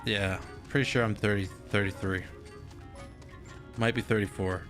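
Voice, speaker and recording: Lowish-voiced man chatting while gaming. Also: fairly even intonation, normal speed, a bit bright, faint music behind. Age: 30s. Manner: rambling, joking, swears freely. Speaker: streamer. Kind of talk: casual live gameplay chat.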